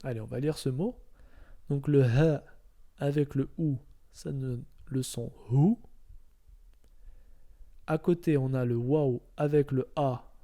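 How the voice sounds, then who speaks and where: Male tutor, calm and repetitive, mid pitch, very warm dark tone. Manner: patient, repeats each step, checks with "d'accord?". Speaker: Arabic reading teacher. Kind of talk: step-by-step lesson.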